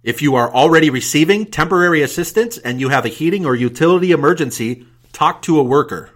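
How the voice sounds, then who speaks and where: A man's voice: fairly high pitch, expressive, fast, a bit bright. A man reading a formal document aloud in a dictating manner, voicing punctuation marks and spelling out letters. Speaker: reader of a government document for audio. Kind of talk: scripted document read-aloud.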